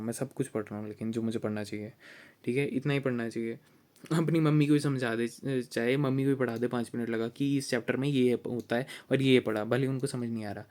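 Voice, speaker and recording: A man's voice: mid-range voice, darkish tone. A young man, tutoring a friend in a casual study session, chatty and teasing, tired, with a sore throat. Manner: chatty, teasing, switches into slow halting reading of English text.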